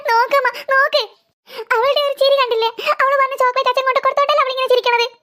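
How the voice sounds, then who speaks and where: A woman's voice: little pitch movement, very fast, pushed and bright. A woman voicing a cheeky, smug young girl who teases her sister in a cartoon. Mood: teasing. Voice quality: very high childlike voice. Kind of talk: cartoon voice acting.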